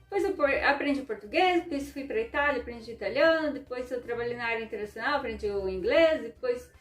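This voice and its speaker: A woman from southern Brazil with a Ukrainian accent, whose first language is Ukrainian, giving an educational talk. She explains at length, often adding a questioning 'né?' and reading out lists of words slowly. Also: fairly high pitch. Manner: explanatory, tags sentences with frequent 'né?', reads out word lists slowly. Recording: echoey room, distant mic, faint music behind.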